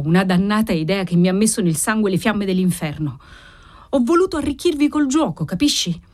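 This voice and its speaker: A woman reading aloud, voicing a tearful, remorseful husband who pleads and blames himself, with anguished, strained delivery. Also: mid-range voice. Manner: pleading, anguished, self-accusing. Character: desperate, remorseful husband gambler, tearful, middle-aged man.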